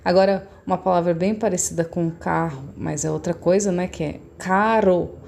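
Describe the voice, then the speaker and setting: Patient woman teacher with a gravelly, mellow voice. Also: on the low side, steady tone, fairly quick, slight background noise. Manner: patient, explaining step by step to young pupils. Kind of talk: recorded remote class lesson.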